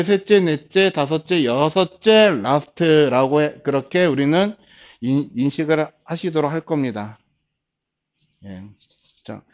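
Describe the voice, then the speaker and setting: A man in his forties teaching a class, patiently explaining step by step and starting phrases with a drawn-out filler. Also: fairly high pitch. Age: 40s. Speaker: instructor. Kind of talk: classroom lecture. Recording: dull lo-fi lecture recording.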